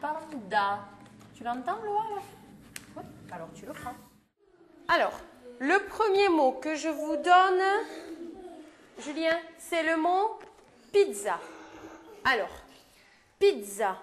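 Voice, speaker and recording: A woman's voice: sits high, sing-song, slow pace, pauses often. A woman teaching young children in class, speaking patiently, prompting with questions and repeating their answers back. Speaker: primary school teacher.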